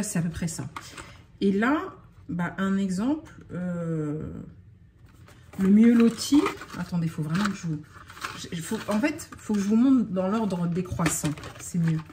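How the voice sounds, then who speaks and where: A woman's voice: mid-range voice, warm tone, a little hiss or hum. Scattered, exasperated French woman vlogging. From France. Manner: scattered, self-interrupting, exasperated. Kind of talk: casual unboxing vlog.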